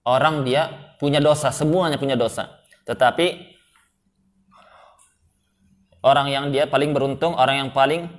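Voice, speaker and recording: Indonesian preacher giving a lecture. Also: male voice, mid-range voice, steady tone, normal speed. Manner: frequent affirming "ya", quotes Arabic then explains; asks the audience questions. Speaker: Islamic preacher. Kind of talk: religious study lecture.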